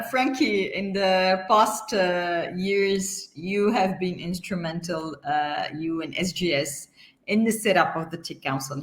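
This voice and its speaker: A woman's voice: fairly low pitch, fairly bright tone, reverberant. A woman hosting a business interview, introducing her guest with many hesitant fillers. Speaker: interview host.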